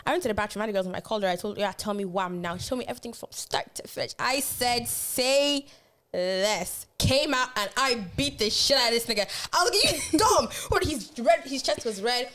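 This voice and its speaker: Young woman, twenties, fast slangy storyteller, co-hosting a chat podcast. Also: fairly high pitch. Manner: animated, swearing, slangy storytelling. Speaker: podcast co-host.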